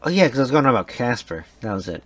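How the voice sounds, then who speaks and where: A man's voice: mid-range voice, big pitch swings, racing. A young man co-hosting a let's-play, chatting casually and rambling with fillers and laughs. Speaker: gaming co-host.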